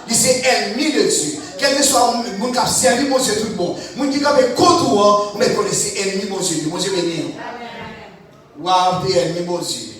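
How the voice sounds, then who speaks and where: A man preaching a sermon, repeating a short blessing between phrases and building to loud, chanted repetitions, recorded in a church sanctuary. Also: high-pitched, moderate pace. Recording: very echoey church from far off.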